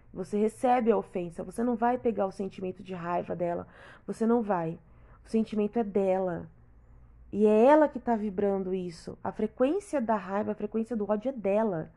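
A woman's voice: mid-range voice, moderate pace, dark tone. A woman, talking earnestly and repetitively straight to the listener in a reflective personal monologue.

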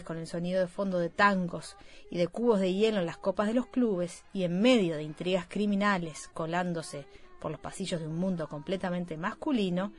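A woman co-hosting a film program, reading a descriptive film summary with occasional hesitations. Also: lowish voice. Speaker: radio film show co-host.

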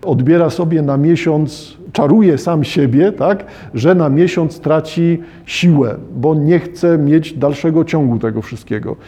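A man's voice: on the high side, unhurried, hardly any pauses, dark tone, slightly rough. A man giving reflective commentary on a children's novel, thinking aloud, rephrasing and questioning himself, and reading passages aloud. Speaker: podcaster discussing a children's novel.

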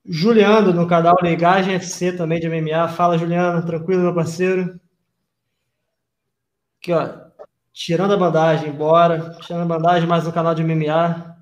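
A man's voice: a little high, little pitch movement, moderate pace. A Brazilian man hosting a casual live interview, greeting viewers in an upbeat, friendly way and reading out their questions. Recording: roomy echo.

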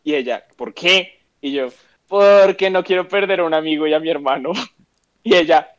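Speaking briskly in a higher register, this young podcast co-host spins a story for his friends, swearing a lot and performing the quotes. The sound is dull and lo-fi.

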